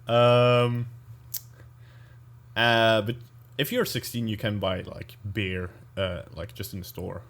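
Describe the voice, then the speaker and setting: Man from Belgium, lowish voice, casual podcast chat, relaxed, hesitant fillers. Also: takes it slowly, pauses often. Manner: easygoing, laughs often, hesitant with fillers. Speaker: podcast co-host.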